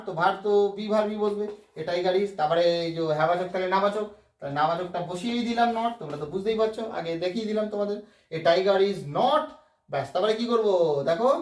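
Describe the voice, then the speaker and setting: Male grammar teacher with a high voice. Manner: explains step by step, often asks "right?". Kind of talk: Bengali-language grammar lesson. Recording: echoey room, mic at a distance.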